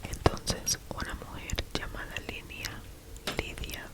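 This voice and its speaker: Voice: very high voice, very animated, unhurried. A person reading scripture as ASMR in a cupped-hand whisper, very close to the mic as if into the ear. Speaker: ASMR reader. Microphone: very close to the mouth.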